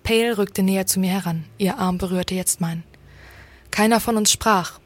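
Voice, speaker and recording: A woman reading a first-person story aloud in a calm, measured way. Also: medium pitch. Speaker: story reader. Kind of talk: scripted story narration.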